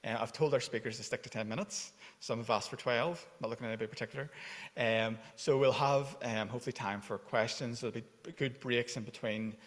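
A man's voice: medium pitch, steady tone, a little fast. A man giving an informal conference welcome at a lectern, with many fillers. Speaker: conference organiser and academic. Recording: long hall reverb.

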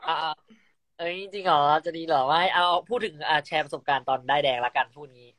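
A man's voice: fairly high pitch, a bit bright, no echo. A young man from northern Thailand, chatting casually and giggly on a phone live stream as an actor guest. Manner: chatty, giggly, quick teasing banter.

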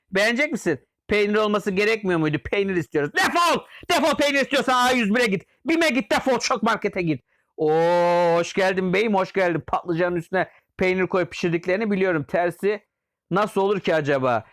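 A man giving casual let's-play commentary, jokingly scolding and yelling at the customers in the game. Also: high voice, no room sound. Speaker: gameplay commentator.

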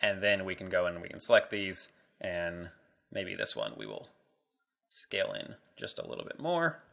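A man's voice: low voice, huge pitch swings, moderate pace, vocal fry, a bit bright. A man walking through a 3D modeling screencast tutorial in a casual way, thinking aloud as he works. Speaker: 3D modeling instructor.

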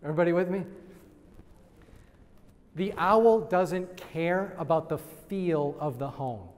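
A man giving a lively sales training talk to a live audience, quizzing the crowd and laughing often. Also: a little high, slow. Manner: energetic, asks the crowd questions and laughs. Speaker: real estate sales trainer. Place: event room with audience. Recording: long hall reverb.

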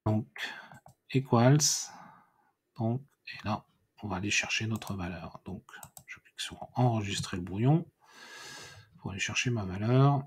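A man giving a screen-recorded software tutorial, thinking aloud and correcting himself as he clicks through menus. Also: fairly low pitch, breathy edge. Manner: unhurried, thinking aloud with many fillers and self-corrections. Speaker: WordPress tutorial instructor.

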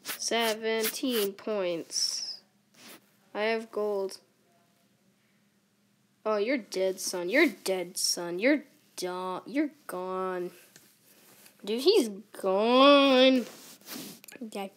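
A woman giving rambling, goofy commentary while playing a video game, with sudden squeaky outbursts. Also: drawn-out words, long pauses. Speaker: gamer. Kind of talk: casual gameplay commentary.

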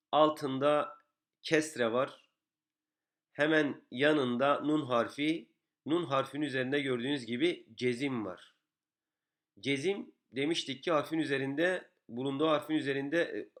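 A man's voice: mid-range voice, a bit bright. Patient man drilling syllables. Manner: patient, repeats each syllable several times. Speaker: Quran reading teacher. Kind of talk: step-by-step lesson, explaining and drilling syllables.

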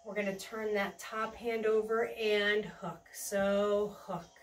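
A woman's voice: medium pitch, little pitch movement, slight background noise. A middle-aged woman leading a tai chi lesson with serene, encouraging, step-by-step movement cues. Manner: serene, encouraging, unhurried cueing. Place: small carpeted room indoors. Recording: distant mic in a room, faint music. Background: faint music.

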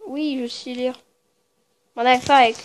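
Woman gamer, high pitch, casual play-by-play, murmurs then sudden startled cries, cusses freely. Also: steady tone, unhurried. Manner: muttering low, then bursting into startled shrieks and swearing; chatty with viewers, talks to the game creatures. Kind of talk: casual game commentary.

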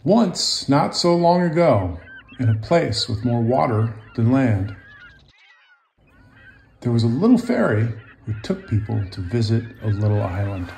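A very animated, mid-range voice with vocal fry and a slightly mellow tone comes from a man in his fifties speaking a little slowly. As the book's author and illustrator, he reads aloud and runs a drawing tutorial for kids, keeping it casual and simple with encouragement for young viewers.

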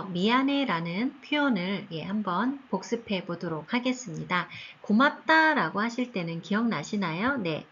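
Female language teacher for an online seniors' class, slow and patient, lively pitch, slightly husky. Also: highs cut off. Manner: slow, patient, drawn-out tone demonstrations. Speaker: Chinese teacher. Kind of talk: recorded online lesson for seniors.

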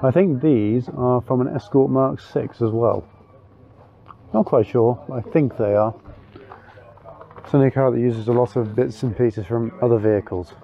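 A man of middling pitch chats eagerly as he walks around an outdoor car meet, pausing with little fillers while he thinks aloud. The camera audio is slightly dull and lo-fi. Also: creaky. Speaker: car vlogger. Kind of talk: casual walkaround commentary.

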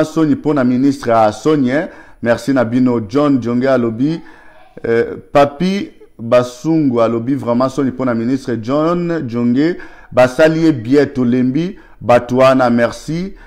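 A man with a Congolese accent delivers argumentative political commentary, firing off rhetorical questions and thanking viewers by name. His voice is medium in pitch with a darkish tone.

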